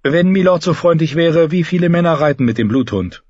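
A woman's voice: deep voice, lively intonation, brisk, a little mellow, dry recording, dull audio, voice pushed up. A man reading an audiobook, voicing a tall, earnest woman knight who speaks politely and with restraint.

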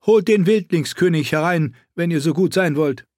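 Male reader as a disdainful queen, high, prim, cutting. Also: moderate pace, a little mellow, dry recording, studio quality, close to an everyday voice. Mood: haughty. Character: cold, haughty middle-aged queen.

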